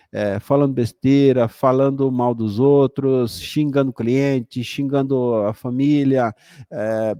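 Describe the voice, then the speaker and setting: A Brazilian man speaks in an easygoing motivational talk, his medium-pitched voice close and dry with no room around it. He keeps turning to his listeners with quick check-in questions and lifts his pitch sharply when he stresses a point. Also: no room sound. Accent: Brazilian Portuguese. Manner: conversational, frequent "sabe?" and "né?" asides; animated, emphatic rises in pitch.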